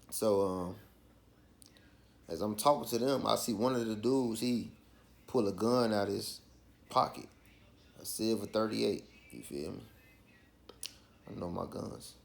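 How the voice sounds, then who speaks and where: A man's voice: on the low side, creaky. A man with a Chicago accent telling a personal story in a casual, slangy street style, often checking in with the listener. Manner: slangy, with frequent checking tags like "you feel me". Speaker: vlogger.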